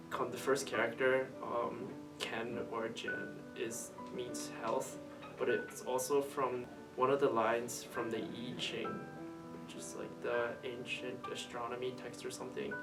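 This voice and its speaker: A man's voice: medium pitch, level tone, unhurried. A young man from Japan, answering interview questions hesitantly with many fillers. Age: young adult. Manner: hesitant, with many likes and ums. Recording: distant mic under loud music.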